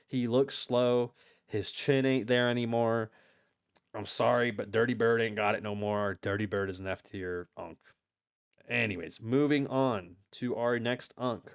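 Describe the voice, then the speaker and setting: A man's voice: lowish voice, steady tone, a little slow, gravelly, smooth, no echo, lo-fi sound. Rambling, profane male MMA commentator. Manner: rambling, profane, frequent restarts. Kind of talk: casual opinionated commentary.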